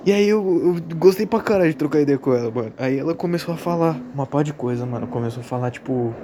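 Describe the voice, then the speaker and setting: A man's voice: mid-range voice, animated, fast, dark tone, a little hiss or hum. Laid-back man telling a story. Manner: laid-back street slang, constant fillers. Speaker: podcast co-host telling a story. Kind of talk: casual chat.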